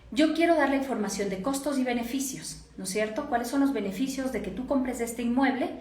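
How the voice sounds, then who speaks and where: Latin American woman coaching, echoey room. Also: a little high. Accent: Latin American Spanish. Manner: explanatory, often checks if listeners follow. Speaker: voice and speaking coach. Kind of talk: instructive course lecture.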